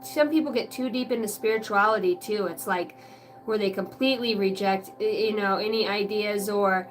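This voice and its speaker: A woman's voice: mid-range voice, moderate pace, slight background noise. Casual woman giving a rambling tarot reading. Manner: casual, rambling, many fillers and mild swearing. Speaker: tarot reader. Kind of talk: live tarot reading for viewers.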